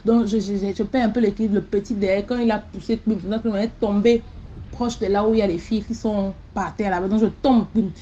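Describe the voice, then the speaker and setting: A woman telling a first-person mystical story in an animated way, repeating herself and using sound words, recorded with a slightly dull sound. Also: medium pitch, a little fast, a little hiss or hum.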